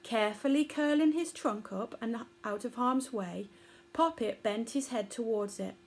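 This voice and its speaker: A woman narrating a children's storybook aloud in a gentle, expressive way. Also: fairly high pitch, unhurried.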